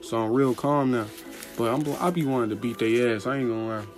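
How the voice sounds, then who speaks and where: A man talks in a loose, slangy monologue, rambling and cursing freely. His pitch sits mid-range, and music plays clearly underneath. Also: brisk. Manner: profane, slangy, rambling, gets animated. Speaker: motivational vlogger. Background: music playing in the background.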